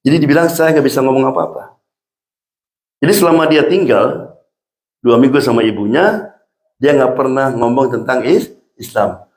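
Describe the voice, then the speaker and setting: A man, an imam, telling stories in a sermon and slipping English phrases into his talk. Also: mid-range voice. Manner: mixes Indonesian with English phrases; animated storytelling with acted-out quotes. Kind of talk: storytelling sermon. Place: mosque hall. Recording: echoey mosque hall.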